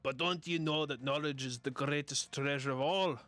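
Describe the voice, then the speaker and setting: A man voicing a gruff, preachy pirate captain with a growling pirate manner in a voice-acted game playthrough. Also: on the high side, steady tone, normal speed, a bit bright, no echo, soft background music, lightly acted.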